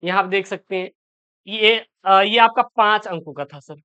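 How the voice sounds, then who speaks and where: A man teaching an exam-prep lesson, reassuring his students and repeating key answers slowly, often asking and answering his own questions. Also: high-pitched, bright, forceful tone, clean tone. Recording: dull lo-fi sound.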